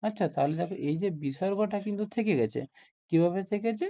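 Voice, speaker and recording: A man's voice: high voice, fast talker, dark tone, highs cut off. A man teaching a grammar lesson to school students, explaining step by step and often asking questions like "isn't it?".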